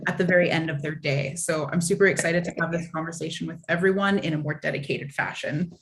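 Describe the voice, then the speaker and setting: A woman's voice: low-pitched, fast talker. Candid woman from Hong Kong. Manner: candid and animated. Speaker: panelist. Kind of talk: panel discussion. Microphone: video call.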